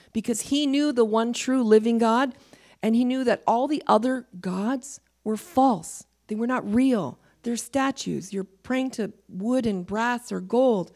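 A woman giving an informal Bible teaching, emphatic, reading scripture slowly and sometimes dropping to a whisper. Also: medium pitch.

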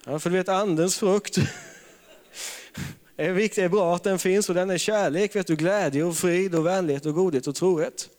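A man's high-sitting voice with a darkish tone carries a charismatic sermon built on funny stories and frequent laughter. The sound rings with the long reverb of a big hall.

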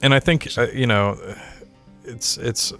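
A man in a casual faith discussion, agreeable and halting, with many fillers. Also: medium pitch, fairly bright tone, faint music behind. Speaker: co-host.

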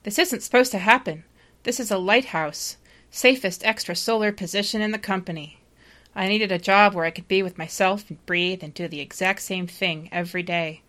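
A woman playing a panicked, doomed lighthouse keeper in space, delivering a halting, confessional distress-call monologue. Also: mid-range voice, fairly bright tone, lightly acted. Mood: anxious, despairing. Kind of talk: dramatic first-person monologue read aloud.

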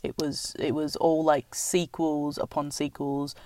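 A woman's voice: deep voice, little pitch movement, unhurried, darkish tone, no room sound. A woman co-hosting a casual movie chat, rambling with many fillers and laughing often, chewing as she talks. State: chewing while talking. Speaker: podcast co-host. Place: in a car.

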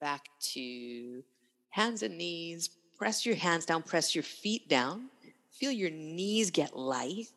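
A woman instructor guiding a yoga class with calm, unhurried cues in short, breath-led phrases. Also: on the low side. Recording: long reverberant room echo.

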